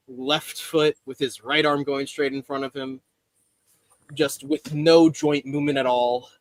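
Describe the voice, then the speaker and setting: A man's voice: fairly high pitch, no echo. A man narrating his character's actions in a tabletop game, in a chatty, descriptive way. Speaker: player.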